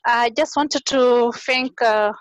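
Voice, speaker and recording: Earnest halting woman from Mali. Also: on the high side, lo-fi sound, noisy background. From Mali, West Africa. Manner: earnest, halting with many fillers. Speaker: audience participant in online talk. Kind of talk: unscripted comment on a video call. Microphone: video call.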